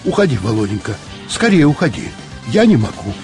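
A soft-spoken older man pleading in a trembling, high-pitched voice, as a male audiobook reader puts him on. His tone is gentle and shaky, and faint music plays underneath. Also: sing-song, fast talker.

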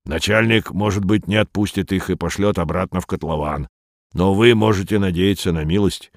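A man reading aloud and voicing a self-important alien prisoner, speaking slowly and gravely in a dry, close recording. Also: low-pitched, no echo. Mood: pompous. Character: alien male prisoner, pompous and fawning.

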